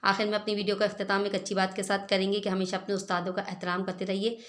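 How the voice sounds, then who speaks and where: A woman teacher giving a slow English lesson, spelling each word letter by letter and often checking "clear?". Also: medium pitch, flat delivery. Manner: spells words letter by letter, keeps asking "clear?".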